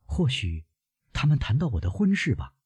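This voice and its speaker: A worried young woman presses her grandfather with one urgent question after another, as a male narrator lifts his voice for her. Her tone is husky and breathy, and it sits close and dry with no room around it. This is storybook reading. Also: mid-range voice, wildly swooping pitch, moderate pace, darkish tone, no echo, pitched above the performer's own voice, heavily acted. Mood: anxious pleading.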